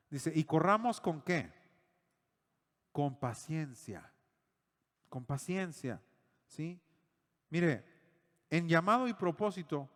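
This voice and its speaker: A man pastor preaching a sermon. He retells gospel scenes, acts out the quoted voices and asks the congregation rhetorical questions. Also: a little high. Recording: long hall reverb.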